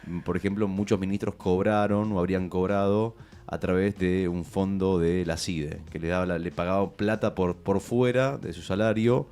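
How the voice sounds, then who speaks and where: A man's voice: deep voice, fairly even intonation, normal speed, darkish tone. A man with an Argentine accent, co-hosting a radio show and explaining news points. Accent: Argentine Spanish. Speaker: radio co-host. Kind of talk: casual news commentary.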